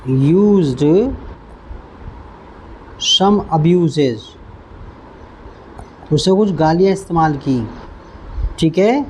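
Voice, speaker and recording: A man teaching English vocabulary, who repeats each word slowly and stops to quiz the listener. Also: sits high, mellow, a little hiss or hum, poor audio. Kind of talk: vocabulary lesson.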